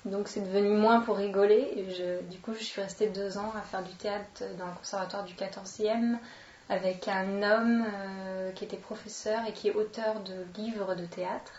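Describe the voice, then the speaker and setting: Speaking at a moderate pace in a steady, slightly mellow mid-range voice, a late-twenties woman with a France French accent introduces herself in an interview. She's an actress and children's entertainer, informal and hesitant, thinking aloud as she goes. The audio sounds roomy, dull, and noisy from a distant microphone.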